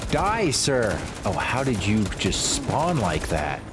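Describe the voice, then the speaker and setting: Slow-talking male streamer grumbling over gunfire. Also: fairly low pitch, sing-song, background noise. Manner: grumbling, exasperated asides. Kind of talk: gameplay commentary. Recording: loud game music and gunfire behind.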